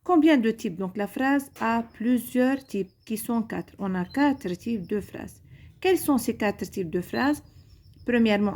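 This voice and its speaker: A young woman teacher giving a recorded grammar lesson to pupils, repeating each point in a slow, deliberate way. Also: fairly high pitch, a little mellow, a little hiss or hum.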